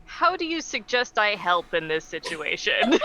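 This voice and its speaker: A woman's voice: mid-range voice, big pitch swings, a little slow, sharp tone. A woman casually improvising as a tabletop game player, hesitant and thinking aloud.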